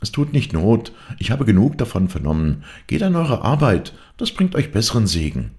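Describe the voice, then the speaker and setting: A man's voice: on the low side, sing-song, normal speed, a little mellow, pitched above the performer's own voice. A man voicing a stern, middle-aged mistress of the house who gives firm orders, in a storybook reading. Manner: firm, commanding.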